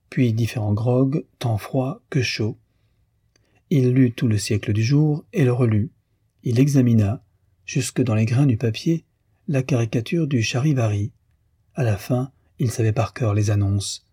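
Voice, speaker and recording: A man reading a classic novel aloud in measured, even narration. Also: fairly low pitch, slightly rough, dry recording, studio quality. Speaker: audiobook reader.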